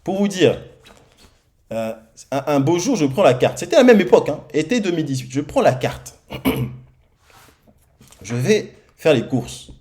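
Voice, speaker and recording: A man preaching in church, telling his own testimony in a lively storytelling manner and acting out the dialogue. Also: a little high, a little slow, long pauses. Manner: lively storytelling, acts out dialogue, many repeated starts. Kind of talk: sermon testimony. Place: church hall.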